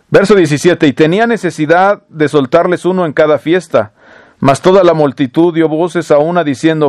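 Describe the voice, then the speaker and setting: Guy preaching, reads the verses then goes over them, kinda high voice, dry close sound. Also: a little mellow, no echo. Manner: reads verses then explains with rhetorical questions. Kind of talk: sermon reading scripture.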